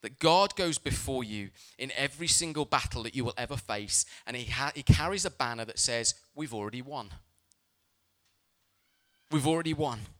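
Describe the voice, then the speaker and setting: A man preaching a sermon as a pastor, speaking with emphasis and telling lively personal stories. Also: mid-range voice, brisk, few pauses.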